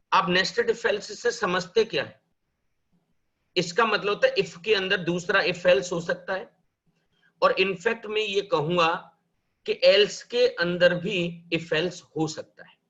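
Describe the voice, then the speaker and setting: A man teaches a live programming lesson, mixing English terms into his talk and calling the students brother. His voice is high and bright, and he speaks at an unhurried pace. The recording is dull and lo-fi. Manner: explains step by step, asks questions and answers them himself; mixes Hindi and English, calls students "bhai" and "beta". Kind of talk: live classroom lecture.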